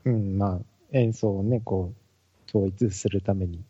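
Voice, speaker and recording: A calm man from Fukuoka talks politely on a podcast, teasing his co-host now and then. His voice is low, dark and a little husky. The sound is dry and dull, on a lo-fi recording. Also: unhurried, no echo. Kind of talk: casual chat among musicians.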